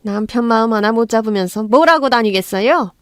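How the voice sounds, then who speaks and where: Woman putting on a bossy mother-in-law, high shrill voice, sneering and cursing. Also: lively intonation, a little fast, clear, resonant tone, no room sound, clean studio sound, natural voice. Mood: contemptuous. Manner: contemptuous, scolding, cursing. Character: scolding middle-aged mother-in-law, haughty and shrill.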